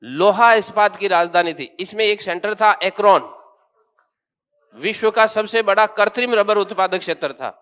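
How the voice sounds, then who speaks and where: A man teaching a classroom with a fairly high voice. He questions his students briskly, corrects them with firmness and then lays out the main points one by one. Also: a bit bright, smooth. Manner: quizzes students, then explains firmly. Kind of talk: classroom geography lesson.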